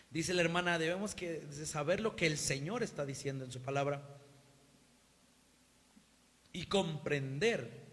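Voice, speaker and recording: A man preaches to his congregation in a lively, expressive way, often slipping into the voices of the scripture's characters. His voice sits a bit high, and it rings with the long reverb of a church hall. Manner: animated, acts out biblical dialogue with raised voice. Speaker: pastor. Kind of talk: sermon.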